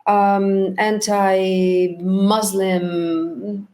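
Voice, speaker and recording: Answering an interviewer, a middle-aged woman who directs documentaries speaks slowly and reflectively, pausing often to look for words, since Bulgarian is her first language. Her mid-range voice holds a level, darkish tone.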